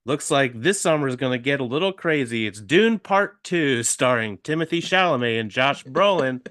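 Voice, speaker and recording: A hammy trailer announcer, played by a man stumbles through a dramatic pitch. His voice is bright and forceful, recorded dry. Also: animated, normal speed, dry recording, lightly acted. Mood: dramatic announcing. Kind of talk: parody movie trailer.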